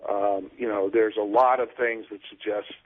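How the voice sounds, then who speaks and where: A man, a guest on a casual discussion, speaking in a measured way with fillers and restarts. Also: lowish voice, steady tone. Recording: tinny phone line.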